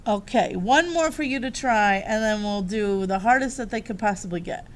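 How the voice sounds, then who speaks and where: A woman's voice: mid-range voice, moderate pace. Upbeat woman teaching a math class. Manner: upbeat, talks the class through each step. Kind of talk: classroom lesson.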